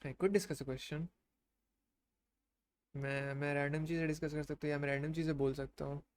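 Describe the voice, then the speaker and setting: A man's voice: a little high, level tone, normal speed. A young man with an Indian accent, casually rambling about competitive programming, mixing Hindi and English.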